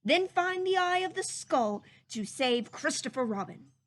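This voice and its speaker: A scholarly storybook owl put on by a woman, solemn and full of alarm. He stretches his words slowly and swoops in pitch with portentous weight. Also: animated. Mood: grave warning.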